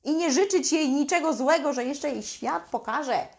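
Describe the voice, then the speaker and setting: A woman's voice: high-pitched, vocal fry, darkish tone. A woman giving blunt, emphatic parenting advice to camera, using mild slang and acting out what parents say. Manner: acts out parents' lines in quick mimicking voices. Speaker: parenting coach. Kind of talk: direct-to-camera advice talk.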